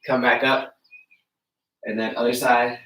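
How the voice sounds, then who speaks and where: A fitness coach with a congested, stuffy nose speaks in a mid-range voice at a measured pace, giving relaxed, friendly coaching while demonstrating stretches on the floor in a live-streamed workout. The camera mic is across the room, so he sounds distant, with reverb from a bare garage gym and a little hiss or hum.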